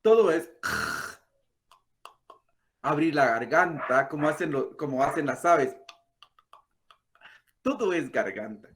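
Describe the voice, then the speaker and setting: A man, a language teacher patiently explaining and softly demonstrating throaty sounds. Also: a little high, expressive, slow pace, pauses often. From Guatemala. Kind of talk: explanatory talk.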